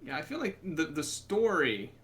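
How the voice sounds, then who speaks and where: A young man co-hosting a podcast in casual chat, tossing in dry jokes and quick asides. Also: on the high side, very animated, a bit bright. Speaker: podcast co-host.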